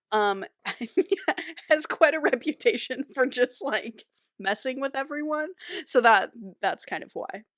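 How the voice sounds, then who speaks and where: A woman's voice: fairly high pitch, bright, forceful tone, dry recording, studio quality. A woman in her twenties co-hosting a podcast, rambling casually with lots of ums and uhs and apologizing for tangents. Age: 20s. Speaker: podcast co-host.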